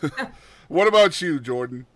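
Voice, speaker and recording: A man's voice: on the high side, lively intonation, a little slow, crowd noise. A middle-aged man from Massachusetts hosting a podcast interview, chatty and jokey, laughing often. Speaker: podcast host. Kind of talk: casual interview chat.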